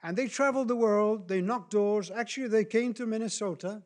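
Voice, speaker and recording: A man from Chile and Argentina giving a lecture in a deliberate, halting way, with frequent fillers and restarts. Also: sits high, a little mellow. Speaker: speaker on human rights law. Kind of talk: lecture presentation.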